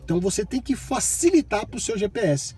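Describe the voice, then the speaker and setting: A man's voice: high voice, big pitch swings, fairly quick, mellow, breathy edge, soft background music. A man from Bahia with a Brazilian accent, giving a casual, colloquial tutorial and often checking in with viewers. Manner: colloquial, repeats himself, addresses viewers with check-in tags. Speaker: tutorial presenter.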